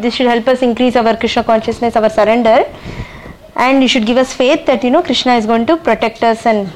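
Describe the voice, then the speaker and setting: A woman's voice: a little high, a little hiss or hum, poor audio. A woman with an Indian accent leading an informal scripture class, explaining encouragingly and repeating key phrases.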